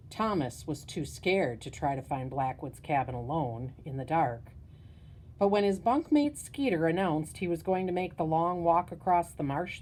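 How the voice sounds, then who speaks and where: A woman narrating a spooky children's story in a measured, hushed storytelling manner. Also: sits low, slight background noise, poor audio. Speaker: audiobook narrator.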